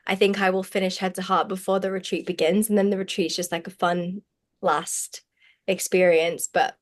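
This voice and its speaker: A woman hosting an online session chats in a rambling way full of "likes," acting as program host and facilitator on a casual video call. Her medium-pitched voice has little pitch movement and a moderate pace.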